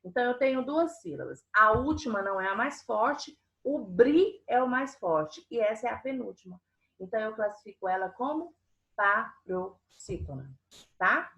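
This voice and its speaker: Woman teacher, kinda high voice, online class for kids, keeps asking if they got it. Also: expressive, moderate pace, a bit bright. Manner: patient, asks frequent check-in questions. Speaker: primary school teacher.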